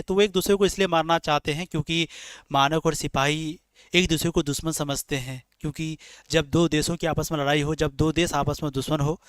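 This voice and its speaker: High-voiced man teaching an exam class. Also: fairly bright tone, clean tone, no room sound. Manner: repetitive, explains in rhetorical questions, calls students dear children. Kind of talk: online exam-prep class.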